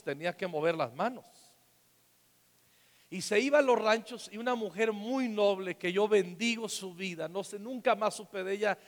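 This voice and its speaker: A pastor with a Mexican Spanish accent and a fairly high voice preaches a sermon, telling a personal story. He often sinks into a soft, hushed tone, and a long reverb carries his voice as in a large hall.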